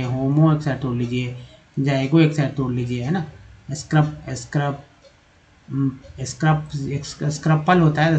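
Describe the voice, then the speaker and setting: A man teaching English vocabulary and pronunciation in a YouTube lesson, spelling words out letter by letter and repeating them patiently. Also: on the high side. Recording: lo-fi, dull sound.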